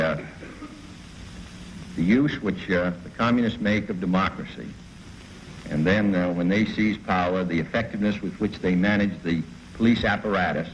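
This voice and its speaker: A low-voiced man speaks haltingly, pausing often mid-sentence as he lays out his view. The archive audio is muffled with a faint hiss. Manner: halting, many hesitations. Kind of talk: archival speech. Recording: dull archive recording with hiss.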